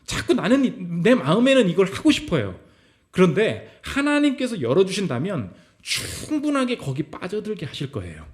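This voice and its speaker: Male pastor, sermon at church, casual preaching full of rhetorical questions, fairly high voice with a very lively melody. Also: moderate pace. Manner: conversational preaching with many rhetorical questions to the congregation. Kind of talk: sermon at a Friday prayer meeting. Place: church service.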